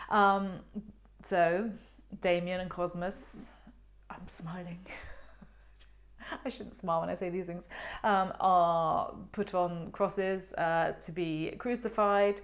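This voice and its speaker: Brief: middle-aged woman, casual art talk presenter, lowish voice, rambling and playful. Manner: chatty and meandering, with many ums and playful asides.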